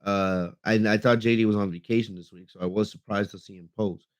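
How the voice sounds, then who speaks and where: Reading the live chat from his bedroom, a young American wrestling podcast host gives casual livestream commentary, rambling with lots of fillers and restarts. His fairly low voice moves briskly with fairly even intonation, in a dry recording.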